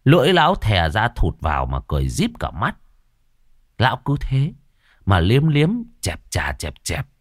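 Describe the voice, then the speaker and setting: A man narrates a bawdy comic village tale in an earthy, animated way. His voice is fairly low but swings widely in pitch, and it is recorded close and dry. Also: normal speed, dry recording. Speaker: storyteller. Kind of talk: comic folk storytelling.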